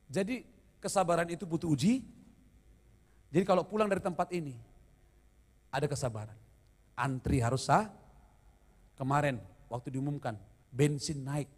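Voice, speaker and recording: A middle-aged man preaching a sermon as pastor, mixing humorous stories with call-and-response to the congregation. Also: on the high side. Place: church hall. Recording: long church reverb.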